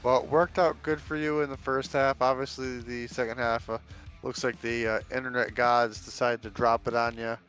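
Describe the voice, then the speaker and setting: A man in a sim racing commentary booth talks in an easygoing, folksy manner. His voice sits in a middle pitch. Faint music plays underneath. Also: normal speed. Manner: relaxed, folksy, chatty. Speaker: race commentator.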